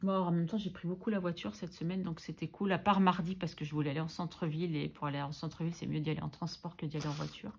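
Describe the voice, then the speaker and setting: A woman's voice: low voice, little pitch movement, fast talker, creaky, few pauses, a little mellow, a little hiss or hum. A French woman vlogging about her budget, chatting casually and teasing herself while she works, a little under the weather. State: coughing, a bit ill. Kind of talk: casual chatty voice-over while doing crafts.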